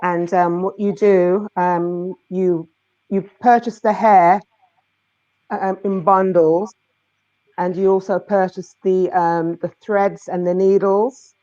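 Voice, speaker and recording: A woman's voice: fairly low pitch, fairly even intonation, slow, warm tone, muffled recording. A woman chatting casually as a co-host, explaining things in a hesitant way. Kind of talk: casual chat.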